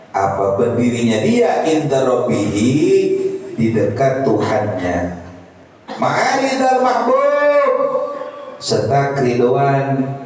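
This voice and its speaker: A man preaching a casual Islamic sermon, swinging between high pleading cries and low confiding asides. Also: darkish tone. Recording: very echoey, voice far from the mic.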